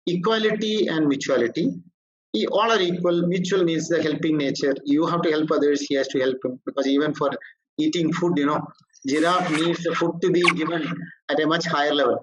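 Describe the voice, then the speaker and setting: Male corporate trainer, slightly high voice, halting and explanatory lecture delivery, muffled lo-fi recording. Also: steady tone, slightly rough. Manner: halting, explanatory, frequent restarts. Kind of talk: workshop lecture.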